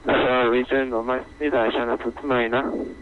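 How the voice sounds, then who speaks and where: A man's voice: medium pitch, little pitch movement, moderate pace. A man speaking as a pilot on the radio, reading back instructions in clipped procedural phrases. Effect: radio transmission. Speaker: airline pilot on an online flight simulation network. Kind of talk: air traffic radio readbacks. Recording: muffled lo-fi radio with faint noise.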